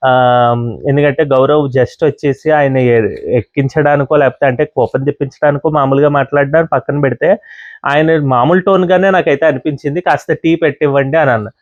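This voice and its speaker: A man's voice: fairly high pitch, a little fast, no room sound, muffled recording. A man reviewing a reality show episode in a casual, chatty monologue, dropping English words in among his talk. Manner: chatty, mixes in English words, many fillers.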